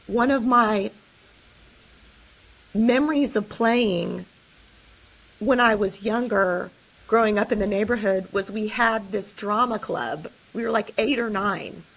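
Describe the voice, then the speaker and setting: Reflective woman with a high voice. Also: a bit bright, rough recording. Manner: reflective, storytelling, with restarts. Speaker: podcast co-host. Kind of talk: casual reflective chat.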